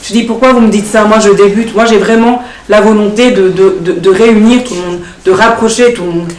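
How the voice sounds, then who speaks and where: A young woman, an election candidate speaking earnestly in a TV studio interview, pausing often with fillers. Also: mid-range voice, fairly even intonation. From Belgium. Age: young adult. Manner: earnest, hesitant, many fillers. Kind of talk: studio talk show interview. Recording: echoey studio, distant mic.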